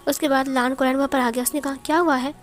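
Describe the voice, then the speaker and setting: A woman's voice: high-pitched, steady tone, quick pace, soft background music. A woman narrating a romance fanfiction story, reading every character's lines herself in a lightly dramatic voice.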